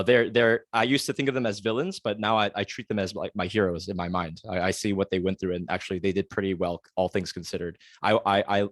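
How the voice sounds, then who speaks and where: Speaking in a lowish voice, a U.S. podcast host in his thirties delivers a solo reflective monologue. He's earnest and confessional, frequently using fillers and restarting his sentences. The studio-quality recording has no room sound.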